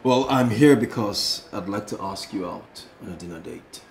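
A man's voice: fairly low pitch, normal speed, a little hiss or hum, lightly acted. An actor playing a charming young man asking a woman out. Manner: smooth, charming suitor. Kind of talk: Nollywood film acting.

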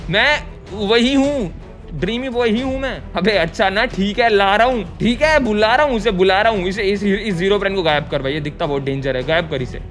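Young male gaming streamer, high and excitable, loud alarmed outbursts, game music clear underneath. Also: moderate pace. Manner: loud, excitable, yelling bursts of alarm, mixes English exclamations into Hindi. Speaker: gaming YouTuber playing with friends. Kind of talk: excited Minecraft let's play commentary.

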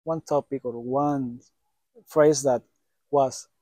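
A man in his thirties interviewing a footballer outdoors, asking questions haltingly and searching for words. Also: medium pitch, steady tone, mellow, dry recording. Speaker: sports interviewer. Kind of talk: interview questions in second language. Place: outdoors by sports courts.

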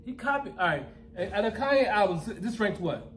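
A man's voice: sits high, expressive, fairly quick, fairly bright tone. A young man hosting a podcast, debating albums in a teasing, dismissive way and often repeating himself. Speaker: podcast host. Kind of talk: casual debate chat.

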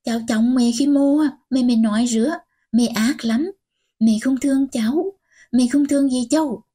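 Teenage girl, stubborn, pleading, breathy, mellow, voiced by a woman. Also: fairly high pitch, moderate pace. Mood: sobbing. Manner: pleading, defiant. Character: teenage girl, stubborn granddaughter, defiant and tearful.

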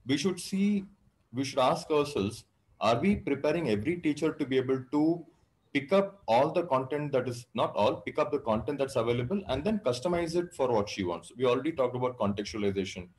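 Measured man on a roomy video call. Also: mid-range voice, expressive, darkish tone. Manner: measured, deliberate, pauses between phrases. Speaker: panelist on education technology. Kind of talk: panel discussion remarks.

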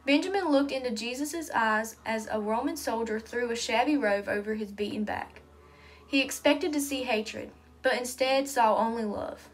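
A woman with a fairly high voice reads a children's story aloud. Her delivery is earnest and steady. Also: normal speed. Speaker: reader.

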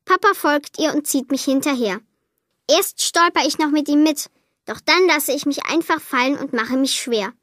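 A woman reading a children's Christmas story aloud, lively and lightly voicing the girl and her parents. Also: high-pitched, moderate pace, no echo, clean studio sound. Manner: lively, voices the child, mother and father lightly.

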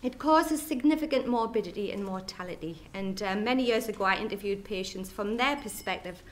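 A middle-aged woman with a broad Geordie accent presents at a professional education day. Her delivery is conversational and lightly joking as she addresses the room, speaking at an ordinary middle pitch. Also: fairly quick. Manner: chatty, jokey asides to the audience. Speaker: nurse consultant. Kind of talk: conference presentation. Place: lecture hall at an education day.

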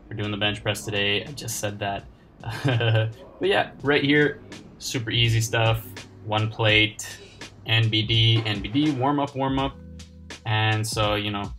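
A man's voice: on the low side, pushed and bright. A young man giving casual, chatty commentary over his gym workout video, laid-back with lots of fillers. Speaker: fitness vlogger.

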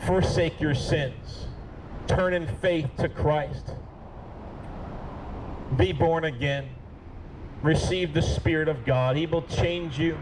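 A man preaches in the open air with a somewhat high, fervent voice that climbs into shouts and sinks into low pleading. Cars and street noise run clearly behind him. It is a raw outdoor recording. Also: takes it slowly, long pauses. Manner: impassioned, pleading and rebuking, swings from shouting to low urging. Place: outdoors by a street with passing traffic. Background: cars passing.

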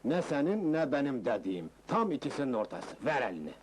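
An actor playing a sly, self-important village landlord in a comedy film, declaiming with a rural Turkish accent. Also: male voice, medium pitch, sing-song, fairly quick, a little hiss or hum, lightly acted. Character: blustering, sly village landlord selling his village.

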